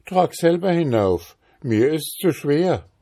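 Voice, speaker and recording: A man voicing a bold young maid in a spoken folk tale, answering with calm, quick-witted retorts. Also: fairly high pitch, gravelly, pitched above the performer's own voice, full character voice. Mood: pert, unafraid. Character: brave, cheeky young maid.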